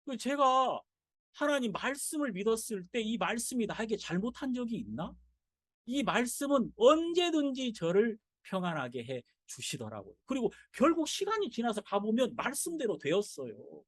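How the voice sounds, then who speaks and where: Male pastor, dramatic storytelling preacher, very expressive pitch. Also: moderate pace, no echo. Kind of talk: sermon.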